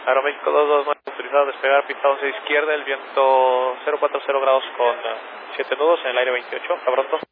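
Brisk controller over crackly radio. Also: male voice, medium pitch, little pitch movement. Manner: rapid, clipped routine instructions. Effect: two-way radio transmission. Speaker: air traffic controller. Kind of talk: radio phraseology. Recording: tinny radio channel with static.

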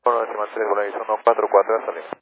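A man's voice: fairly low pitch, level tone, racing. A male airline pilot, giving clipped, terse readbacks over a cockpit headset radio transmission. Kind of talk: air traffic radio readbacks. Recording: narrow tinny radio channel with faint static.

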